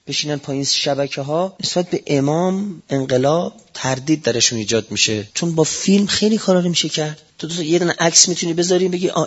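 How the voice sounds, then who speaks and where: A man preaching with fervour in a fairly high voice. He drops low and soft, then rises to near-shouts. The recording is dull and lo-fi. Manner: impassioned preaching, swinging from low to raised cries. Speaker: cleric. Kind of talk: religious sermon.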